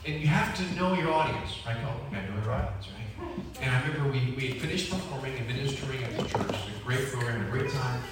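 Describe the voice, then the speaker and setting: A man's voice: medium pitch, animated, quick pace, crowd noise. A man with a Northern US accent, a traveling music minister, speaking casually to a church congregation in a jokey, folksy way. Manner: jokey, folksy, drawing the audience in. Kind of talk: casual church stage talk. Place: church sanctuary. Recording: echoey church from far off.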